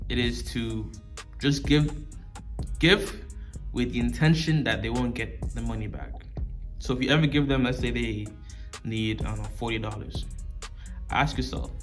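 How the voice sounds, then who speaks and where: A man talking casually and off the cuff to his viewers as a channel host, in informal street slang, repeating words for emphasis. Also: medium pitch. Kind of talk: casual off-the-cuff talk to camera.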